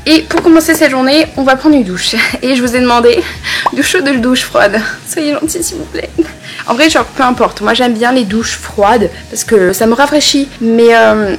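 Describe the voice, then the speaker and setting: A woman's voice: a little high, normal speed. A woman vlogger chatting casually to her followers, with a slight slushy lisp on her s sounds. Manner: slightly lisping, slushy sibilants. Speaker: vlogger filming her day. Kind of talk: casual vlog chat to followers. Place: echoey hotel room. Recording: echoey room, faint background noise.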